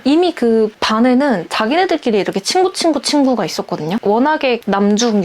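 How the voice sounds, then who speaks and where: A woman's voice: on the high side, a little mellow. A young adult woman telling a personal story in a candid, reflective way, with many fillers. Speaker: vlogger.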